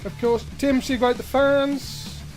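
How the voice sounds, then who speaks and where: A man giving excited wrestling play-by-play commentary with dramatic, exclamatory calls. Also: very high voice, moderate pace, faint music behind.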